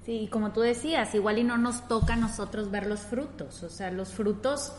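A woman's voice: mid-range voice, moderate pace, slight background noise. Woman musing in an echoey room. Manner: agreeing, reflective, says "o sea" often. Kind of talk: casual chat.

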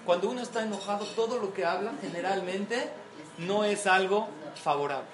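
A middle-aged woman, the speaker at a parenting class, talks to a group of mothers, explaining points and acting out example quotes. Her voice is mid-range at a normal speed, with crowd noise around her.

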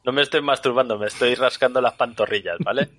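A man's voice: medium pitch, fast, a bit bright. A man from co-hosting a podcast, bantering playfully and teasing his co-host. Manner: teasing, jokey, laughs often. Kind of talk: casual banter.

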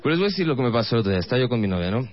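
A man with a Mexican Spanish accent doing stand-up comedy, telling stories in fast, rambling bursts with laughing asides. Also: mid-range voice, big pitch swings, dull audio.

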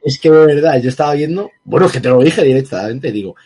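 A man's voice: medium pitch, animated, quick pace, warm tone, breathy edge. A man co-hosting a casual film review chat, heated and emphatic, swearing freely. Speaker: podcast co-host reviewing a film.

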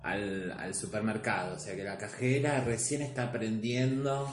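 A man's voice: on the low side, steady tone, normal speed, heavy background noise. A young Argentine man with a Rioplatense accent in casual chat, reflective and agreeable, with mild complaints. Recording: roomy echo.

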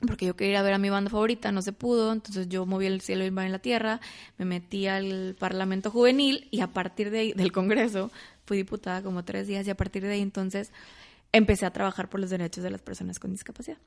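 A woman's voice: medium pitch, fast. A young woman, telling her life story as a guest in a casual interview and acting out the voices of her family. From Mexico. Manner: lively storyteller, acts out quoted family voices.

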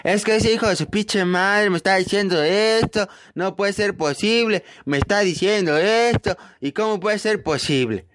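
A man's voice: high-pitched, normal speed, few pauses, a bit bright, slight background noise, voice pushed up. A man acting out an angry, pleading guest on a talk show. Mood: indignant. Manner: indignant and pleading.

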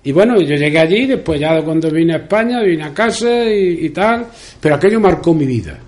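Older man, extremaduran accent, mellow and warm tone, rambling storyteller, repeats words, radio guest. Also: a little high, lively intonation, fairly quick. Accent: Extremaduran Spanish. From Spain. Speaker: interview guest. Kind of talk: storytelling in an interview. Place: local radio studio.

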